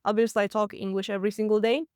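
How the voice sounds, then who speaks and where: Speaking with a medium pitch and a flat delivery, the host's voice is a little mellow and smooth, recorded without echo in clean studio sound. She is a Russian-accented woman from Latvia in her late twenties, running a solo business podcast where she candidly shares her own story, quick, chatty and laughing a lot.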